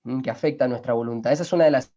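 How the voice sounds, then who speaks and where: A man preaching a sermon, emphatic, slowing down to quote scripture and asking his listeners rhetorical questions. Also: medium pitch, mellow. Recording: dull lo-fi recording.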